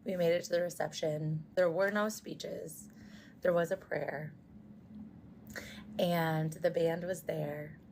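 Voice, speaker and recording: A woman recounting her own wedding day in a slow, measured, composed way in a social media clip. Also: fairly low pitch, steady tone, vocal fry, a little mellow, soft background music. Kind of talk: heartfelt personal account.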